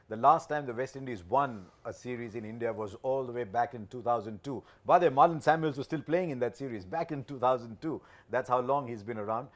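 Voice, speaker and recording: A man hosting a cricket show, presenting and putting questions in a conversational studio style. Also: medium pitch.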